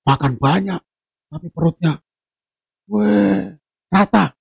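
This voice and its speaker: A man preaching a sermon at a church service, telling stories with jokes and swinging from low murmurs to shouted preaching. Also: takes it slowly, creaky, breathy edge. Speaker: pastor.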